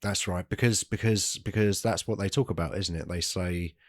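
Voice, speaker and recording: A man's voice: low voice, normal speed, dry recording, clean studio sound. A man co-hosting a film podcast, talking in a rambling, hesitant casual way and laughing at himself now and then. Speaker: podcast co-host. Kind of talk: casual chat.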